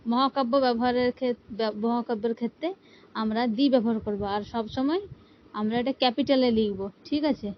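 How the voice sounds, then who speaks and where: A woman's voice: on the high side, steady tone, brisk, lo-fi sound. A woman teaching an English grammar lesson, explaining patiently and asking her students rhetorical questions. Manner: patient, asks rhetorical questions, repeats "ঠিক আছে".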